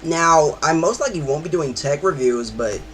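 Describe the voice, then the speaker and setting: A man's voice: a little high, expressive, moderate pace, a bit bright, slight background noise. A man streaming a game, chatting in a rambling way with sudden outbursts. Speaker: gaming streamer. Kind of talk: casual chat while playing.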